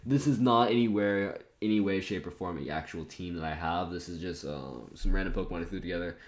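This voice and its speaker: A man's voice: low-pitched, a little fast. A man giving casual commentary over an online game battle, thinking aloud in a chatty, self-mocking way. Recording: roomy echoey room.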